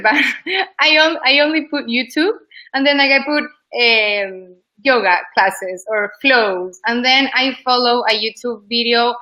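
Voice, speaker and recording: A woman's voice: a little high, pushed and bright, low-quality recording. A woman, chatting loosely as an interview guest about her work as a yoga teacher. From Ecuador. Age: 20s. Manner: chatty, loose, many "like" fillers. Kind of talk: casual interview chat.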